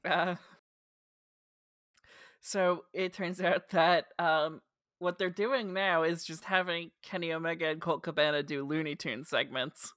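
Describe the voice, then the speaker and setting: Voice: medium pitch, steady tone, measured pace, a bit bright, dry recording, studio quality. A podcast co-host with a New Jersey accent, chatting casually and retelling scenes with lots of "like" fillers. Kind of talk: casual chat recapping a show.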